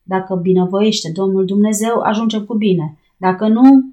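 A woman voicing a gruff, defiant old male boat captain who barks orders and grumbles. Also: mid-range voice, warm tone, close to an everyday voice. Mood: commanding.

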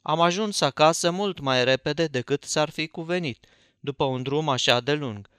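A man reading a novel aloud in a folksy, even first-person narration. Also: fairly high pitch, clear, resonant tone, dry recording, clean studio sound. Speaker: audiobook narrator.

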